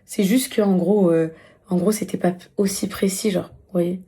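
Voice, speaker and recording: A woman's voice: fairly low pitch, fairly even intonation, normal speed, mellow, breathy edge. A woman chatting casually with her followers in a vlog while doing her skincare at home, breezy and talking to them as girlfriends. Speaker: lifestyle vlogger.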